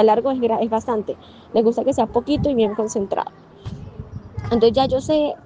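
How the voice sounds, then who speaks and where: A woman's voice: a little high, mellow, a little hiss or hum. A young woman, a café waitress casually telling a story, laughing often and acting out what people said. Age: young adult. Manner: chatty, laughs often, acts out quotes. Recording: dull lo-fi sound with faint background.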